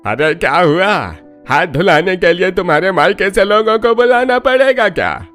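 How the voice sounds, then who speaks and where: A man voicing a cruel, domineering father figure in a cartoon story, gruff, mocking and commanding. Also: high-pitched, expressive, normal speed, a bit bright, faint music behind.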